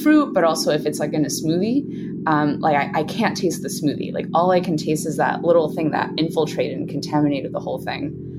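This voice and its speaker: A woman's voice: low voice, lively intonation, fairly quick, very noisy. A woman from Switzerland, casually telling a personal story. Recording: loud music behind the voice. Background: loud guitar music.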